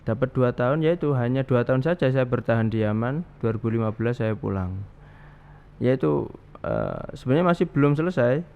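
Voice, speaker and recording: A man's voice: medium pitch, lively intonation, moderate pace, gravelly, clear, resonant tone. A man, a guest recounting his life at length, with many restarts and fillers. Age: 30s. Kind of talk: casual interview. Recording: dull, slightly noisy studio audio.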